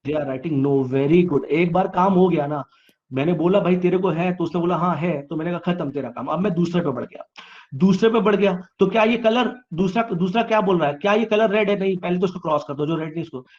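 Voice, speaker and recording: High-voiced man teaching online. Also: a little mellow, lo-fi sound. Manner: asks questions and answers them himself; teasing, pushes students to reply fast. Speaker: online tutor. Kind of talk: live online class.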